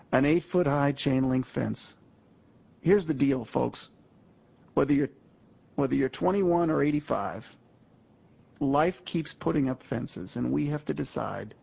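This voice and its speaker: Gravelly older man telling a story. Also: on the high side. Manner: folksy and emphatic, addresses the audience directly. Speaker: guest speaker. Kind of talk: storytelling talk to an audience. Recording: muffled lo-fi audio.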